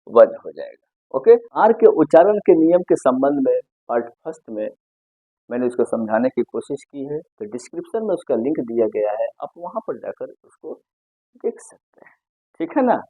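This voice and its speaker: A man's voice: mid-range voice, very animated, normal speed, breathy edge, no echo. A male teacher giving a pronunciation lesson, spelling words out letter by letter and repeatedly asking and answering his own questions. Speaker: English teacher. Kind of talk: grammar lesson. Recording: muffled, dry close recording.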